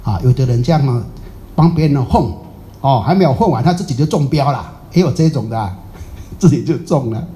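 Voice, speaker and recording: A man's voice: mid-range voice, lively intonation, brisk, dark tone. A middle-aged Buddhist master tells a story in a dharma talk. He acts out the other people's voices, chuckles along the way and slips in English phrases.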